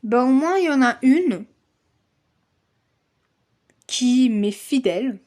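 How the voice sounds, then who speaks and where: A woman's voice: high voice, expressive, slow pace, a little mellow. A woman talking casually in a chatty, ranting vlog. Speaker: vlogger.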